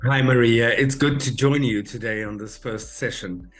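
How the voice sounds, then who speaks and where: A South African man in his forties, a recruitment manager answering podcast interview questions in a measured way, with many ums and uhs. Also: mid-range voice, fairly even intonation, a bit bright, faint music behind. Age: 40s.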